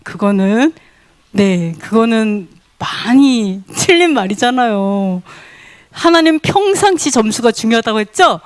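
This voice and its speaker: A woman teaching a Bible sermon in an animated way, asking her listeners many questions, laughing often and acting out quoted voices. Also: a little high, unhurried, no room sound.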